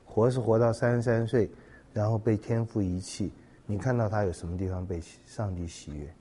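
A man giving a Bible teaching sermon, reading scripture and explaining it in a measured way, with fillers and repeated words. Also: lowish voice, steady tone, warm tone, breathy edge. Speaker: preacher.

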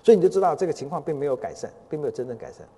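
A male preacher telling a story during a sermon, animated, acting out the people he quotes, in a large hall. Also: fairly high pitch, racing, breathy edge. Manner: animated, acts out the quoted speakers. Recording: long hall reverb.

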